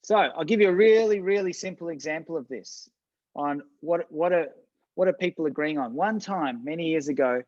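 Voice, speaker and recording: Coaching an online business workshop, a slightly high-voiced man keeps things chatty and informal. He often restarts sentences, repeats words, and addresses the audience directly. The sound is dry and muffled.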